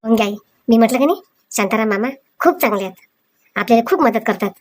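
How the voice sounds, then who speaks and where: A woman acting in a comic village sketch, talking briskly and scolding. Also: fairly high pitch, lively intonation.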